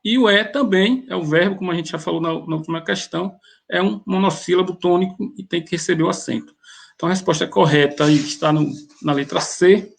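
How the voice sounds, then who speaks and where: Man, high voice, husky, methodical grammar lesson. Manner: methodical, pauses and restarts mid-phrase. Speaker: grammar teacher. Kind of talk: explaining exam questions.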